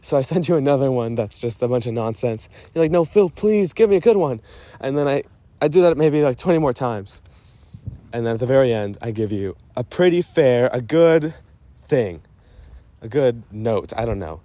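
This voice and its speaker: A man with a medium-pitched, expressive, warm voice talks at a normal speed, and there's no room sound. He's recording a personal voice memo to a friend, rambling in a playful, self-mocking way, often cutting himself off and wandering from his point.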